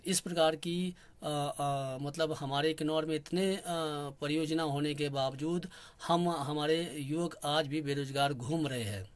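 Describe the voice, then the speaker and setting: A young man from Kinnaur, speaking earnestly in a soft, quiet voice and pausing often with fillers as he makes a public appeal. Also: a little high, fairly even intonation. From Kinnaur, Himachal Pradesh, India. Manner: earnest, complaining, many pauses and fillers. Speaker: local activist speaking on a channel.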